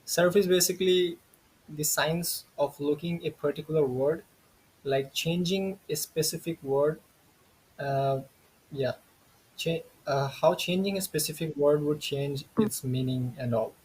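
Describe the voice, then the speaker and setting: A man answering as a student, talking quickly and loosely, switching between Hindi and English and slipping in jokes. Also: a little high, a little mellow, slight background noise, low-quality recording. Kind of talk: casual spoken answers in a lesson.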